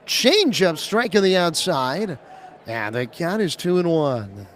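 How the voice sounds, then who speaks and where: A man calling a baseball game as play-by-play announcer on the radio, rising to excited calls on big pitches. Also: slow pace, a little hiss or hum.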